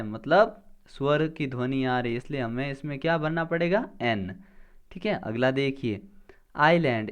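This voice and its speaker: A man with a slightly high voice teaches a grammar lesson for an exam. He breaks it into small steps and sounds words out slowly. He asks questions and answers them himself. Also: smooth.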